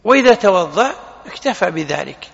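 A man with a fairly high, bright and gravelly voice teaches a religious lesson. He explains a text in a measured way and slows down to weigh single words. The sound is muffled and carries a long hall reverb. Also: big pitch swings. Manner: measured explanatory delivery, slows to stress word forms. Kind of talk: hadith lesson commentary.

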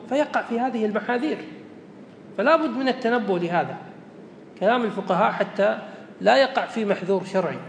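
A man teaching a religious law lesson, reading a line from a text and then explaining it plainly, going back over his points. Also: fairly bright tone. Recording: echoey hall with faint rumble.

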